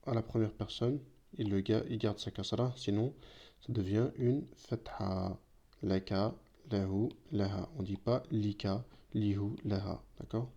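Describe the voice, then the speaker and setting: A man's voice: lowish voice, warm tone. A man, a native Arabic speaker, explaining an Arabic grammar lesson patiently, often checking in with "d'accord?". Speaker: Arabic teacher. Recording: dull lo-fi sound.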